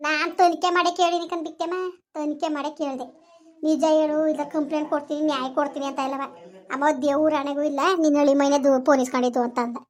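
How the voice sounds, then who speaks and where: A woman's voice: high voice, little pitch movement, fast, lightly acted. A woman playing a quarrelsome elderly village grandmother who scolds and rants, appealing to her listeners in a comedy skit. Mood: indignant ranting.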